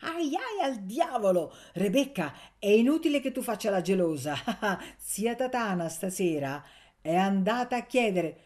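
A woman reading an audiobook, voicing a bold, mocking pretty village girl who talks loud and brash. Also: mid-range voice, animated, unhurried, pitched above the performer's own voice, close to an everyday voice. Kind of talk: audiobook character voice.

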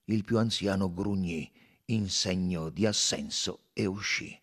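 A man narrating an audiobook with expressive, sweeping intonation. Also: low voice, unhurried. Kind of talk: scripted narration.

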